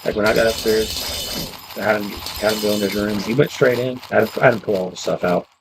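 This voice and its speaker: A man streaming a game while casually telling a long story, animated and acting out the people he quotes. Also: fast talker, gravelly, noisy background. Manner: animated, jumps higher in pitch when quoting people. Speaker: gaming streamer.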